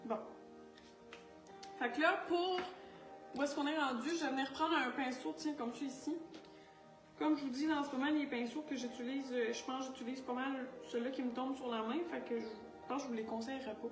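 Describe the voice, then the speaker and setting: A woman's voice: high voice, steady tone, brisk, distant mic. A woman with a Quebec French accent talking through a makeup tutorial in a chatty, scattered, self-mocking way as she works. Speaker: makeup artist. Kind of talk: makeup tutorial, casual talk to camera. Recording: echoey room with faint music.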